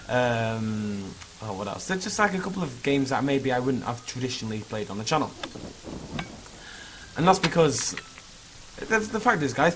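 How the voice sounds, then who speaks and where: Hungover, slightly hoarse man rambling casually. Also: medium pitch. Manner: informal, rambling, self-critical. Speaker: gaming video creator. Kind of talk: casual vlog chat over gameplay. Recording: clearly noisy background ambience.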